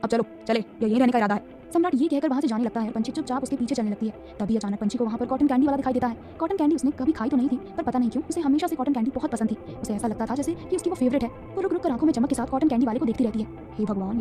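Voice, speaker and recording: A woman narrating a serialized romance story in a dramatic, fast scripted style. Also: high voice.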